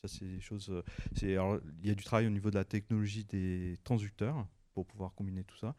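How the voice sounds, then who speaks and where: A man's voice: lowish voice, steady tone, fast talker, warm tone. A man answering audience questions at a conference, technical and hesitant with repeats.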